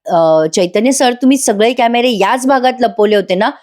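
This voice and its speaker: Woman reading a calm police inspector. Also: on the high side, normal speed, natural voice. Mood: reassuring. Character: steady male police inspector.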